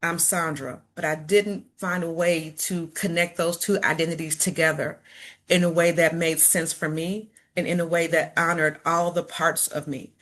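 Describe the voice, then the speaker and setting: A middle-aged motivational speaker from Chicago, in the United States, gives a personal talk to an audience, earnest and encouraging even as she stutters and repeats words. Her voice sits low and a bit bright, with a level tone and normal speed.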